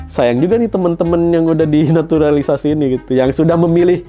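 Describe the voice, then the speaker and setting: A man co-hosting a casual podcast chat, talkative and quick to laugh. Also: a little high, dark tone, faint music behind. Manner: chatty, laughs often, uses slang. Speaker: podcast co-host.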